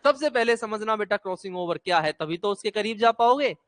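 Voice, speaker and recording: Guy teacher w a really high voice, keeps getting the class to shout answers back. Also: a little fast. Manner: animated, coaxing students to chant answers. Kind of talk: classroom lecture with call-and-response.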